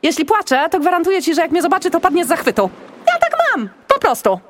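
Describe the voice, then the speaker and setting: A woman's voice: very high voice, very animated, quick pace, a little hiss or hum. A woman voicing a vain, boastful character who teases and admires herself in a storybook. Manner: showy, teasing, self-satisfied. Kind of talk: storybook dialogue.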